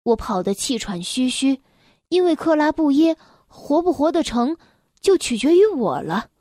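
A woman reading a children's story aloud in a clear, expressive storytelling manner. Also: high-pitched, moderate pace, no echo, studio quality.

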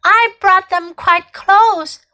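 A woman's voice: extremely high pitch, steady tone, slow, pushed and bright, voice pushed up, full character voice. A woman doing a trembling, pleading young boy. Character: frightened, eager young boy, fawning.

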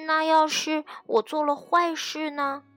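A woman's voice: high-pitched, level tone, measured pace, fairly bright tone, no echo, soft background music, voice pushed up. A woman voicing an eager, anxious little girl in a bedtime storybook, asking pleading questions in a childlike way.

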